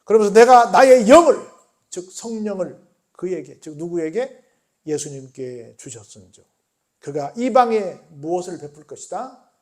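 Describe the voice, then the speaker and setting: A male pastor preaching a midweek church sermon, often asking the congregation questions and swinging between soft, low tones and raised exclamations. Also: very animated, normal speed. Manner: asks the congregation frequent rhetorical questions.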